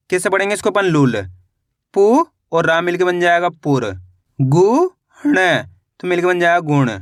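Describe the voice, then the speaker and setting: A man teaching Hindi reading in a slow phonics lesson. He sounds out each syllable and blends them into words. He encourages viewers as friends. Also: on the high side, a bit bright, no room sound, studio quality.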